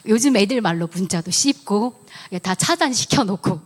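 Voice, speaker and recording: A woman's voice: medium pitch, lively intonation, normal speed. A middle-aged woman giving a sermon testimony in church, telling her story earnestly and acting out her own prayers and conversations. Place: church sanctuary.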